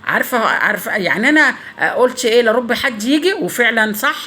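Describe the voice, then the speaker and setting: A woman's voice: a little high, animated, quick pace, sharp tone. A middle-aged woman with an Egyptian accent, telling a funny story in a casual home cooking vlog, swearing by God often. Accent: Egyptian Arabic.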